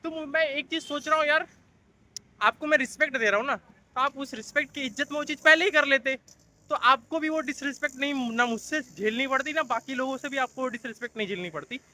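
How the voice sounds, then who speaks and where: A man's voice: extremely high pitch, fast talker, pushed and bright, poor audio. A young man vlogging casually, telling a story in a chatty, ranting way while walking through a station and streets. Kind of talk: casual vlog talk to camera. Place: Mumbai local train station and streets, outdoors.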